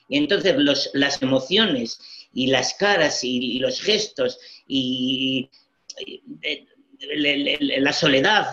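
A man's voice: medium pitch, fairly bright tone. A man in his sixties, a Spanish pilgrim and writer, speaking reflectively on a video call from home, often repeating words. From Spain. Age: 60s. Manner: thoughtful, repeats words, frequent "eh" and "¿no?". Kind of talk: reflective interview talk. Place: home room with glass cabinet. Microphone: webcam on video call. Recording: muffled video call audio.

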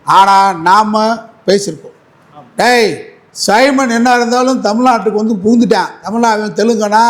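A man speaking as an advocate in a heated political interview, combative and mocking, repeating his points. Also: high-pitched.

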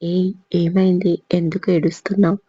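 A woman's voice: fairly low pitch, flat delivery, normal speed, mellow, breathy edge, dry recording, muffled recording. A woman voicing an anxious young husband who coaxes and soothes, read in an audiobook story. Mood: anxious, soothing. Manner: coaxing, soothing. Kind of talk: audiobook character reading.

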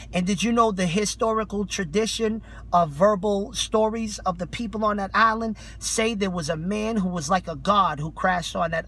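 A man's voice: high-pitched, a bit bright. A man in his thirties, a street preacher giving an off-the-cuff sermon in colloquial slang with urgent, fanatical zeal. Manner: fervent, fanatical religious zeal, urgent and exhorting. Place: inside a parked car.

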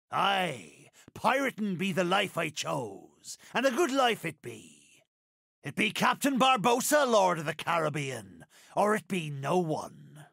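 A man playing a boastful older pirate captain in a video game, with a raspy voice, a theatrical West Country pirate accent and rolling archaic phrasing. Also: high voice, fairly bright tone, no room sound, studio quality, exaggerated voice. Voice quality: gravelly, raspy. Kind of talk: video game character voice lines.

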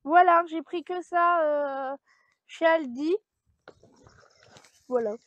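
Chatty woman vlogger, high voice, rambling, dry muffled recording. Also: slow pace, no echo. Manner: chatty, rambling, with many fillers and laughs. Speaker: vlogger showing her grocery haul. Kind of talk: casual chat to camera. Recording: dry, dull lo-fi sound.

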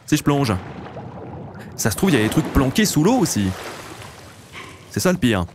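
A man's voice: mid-range voice, big pitch swings, moderate pace, noisy background. A man in his late twenties, hosting a let's play and chatting casually to viewers while he plays. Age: late 20s. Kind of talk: casual gameplay commentary.

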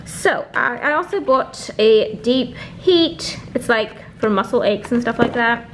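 A woman's voice: fairly high pitch, animated, measured pace, slight background noise. A young woman, chatting casually through a grocery haul at home, with lots of fillers. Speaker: vlogger. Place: home kitchen, indoors.

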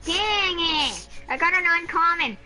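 Brief: high, bright-voiced woman gamer, excitable, teasing banter over a headset. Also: unhurried, faint music behind, poor audio. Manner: excitable, teasing, repeats herself. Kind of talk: casual gameplay chat. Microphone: headset mic.

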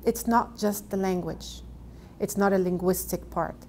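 A woman's voice: mid-range voice, steady tone, measured pace, mellow, slight background noise. Teacher woman, careful thoughtful talk about her students. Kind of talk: documentary interview.

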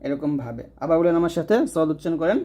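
A man teaches letter sounds in a patient, step-by-step lesson. His voice sits a little high for a man. He says each sound slowly and repeats it for the learner to copy. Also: mellow. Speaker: Quran recitation teacher.

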